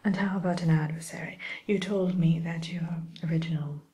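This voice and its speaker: A woman playing a sly, genteel wicked witch in an ASMR roleplay, speaking in a breathy whisper with polite, coaxing hesitations. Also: deep voice, steady tone, dark tone, natural voice. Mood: musing, coaxing. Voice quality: breathy whisper, mostly unvoiced. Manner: slow, polite, hesitant, coaxing tag questions.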